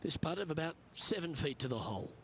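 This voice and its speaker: An actor playing a calm, upbeat male golf commentator who makes brief, measured play-by-play calls between shots. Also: on the high side. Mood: steady. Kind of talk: video game play-by-play commentary. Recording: loud crowd and ambient noise. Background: loud crowd and course ambience.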